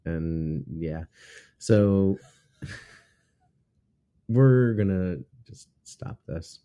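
A man bantering crudely on a podcast, swearing and joking freely. His voice sits on the low side, and the home recording sounds dull and lo-fi. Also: very slow, clean tone. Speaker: podcast co-host. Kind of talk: casual chat.

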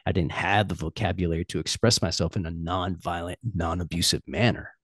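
A man's voice: sits low, flat delivery, brisk, a bit bright, slightly rough, dry recording, studio quality. A man in his forties talking loosely and candidly, swearing and laughing easily. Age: 40s. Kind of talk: casual chat.

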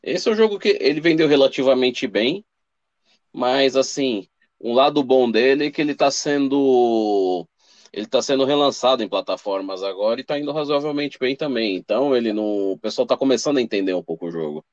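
A man's voice: mid-range voice, animated, fairly quick, dry recording, highs cut off. A man with a Brazilian Portuguese accent co-hosting a casual podcast, laid-back and easygoing in manner. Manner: laid-back, drops "cara" a lot. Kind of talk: casual chat.

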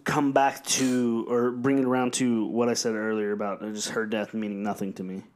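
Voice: mid-range voice, level tone, normal speed, darkish tone. A podcast co-host chatting casually and sharing trivia in a dry, matter-of-fact way. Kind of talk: casual chat.

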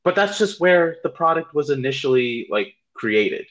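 A man's voice: a little high, very animated, moderate pace, fairly bright tone, poor audio. A man co-hosting a casual podcast chat, laughing easily and choosing his words carefully. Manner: laughs while telling stories, hedges his wording. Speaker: podcast co-host.

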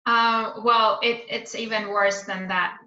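In a casual podcast chat, a woman from Iran in her thirties takes it slowly, her a little high voice bright and forceful with fairly even intonation. She hesitates with many ums. The sound is roomy, dull and lo-fi.

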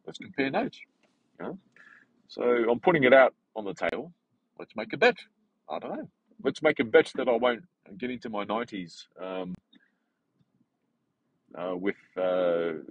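A man in his forties hosting a podcast, talking in a rambling, animated way with many fillers and restarts. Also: fairly low pitch, moderate pace, pauses often, dry recording, highs cut off. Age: 40s. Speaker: podcast host. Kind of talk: casual unscripted monologue.

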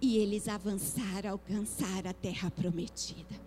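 A woman preaching a sermon, moving from soft teaching to fervent call-and-response exhortation. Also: medium pitch, fairly even intonation, normal speed, a little hiss or hum.

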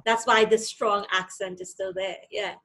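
Breathy woman with a Trinidadian accent. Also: mid-range voice, level tone, normal speed, a bit bright, low-quality recording. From Trinidad and Tobago. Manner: thoughtful, reflective storytelling. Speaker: guest, financial literacy and credit counselor. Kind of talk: interview conversation.

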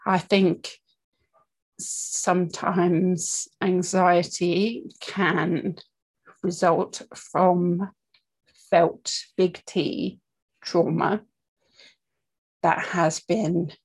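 A breathing coach with a fairly low, husky, level voice speaks candidly and informally to camera about anxiety and breathing. She talks in a deliberate, halting way with long pauses, often checking in with "okay" and "yeah."

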